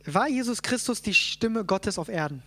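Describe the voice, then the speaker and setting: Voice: mid-range voice, animated, normal speed, fairly bright tone. German-speaking Bible teacher checking in with listeners. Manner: thinks aloud with fillers and restarts.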